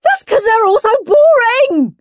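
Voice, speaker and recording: A woman voicing a bratty, loud young schoolboy who howls and whines. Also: fairly high pitch, very animated, takes it slowly, no room sound, studio quality, full character voice. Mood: whining. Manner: howling, whiny, screeching.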